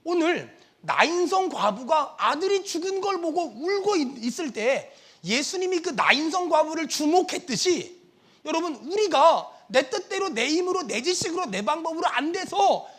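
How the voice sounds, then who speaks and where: A male pastor preaching a sermon with impassioned, rhythmic repetition, swinging between loud outbursts and soft asides. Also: very high-pitched, sing-song, moderate pace.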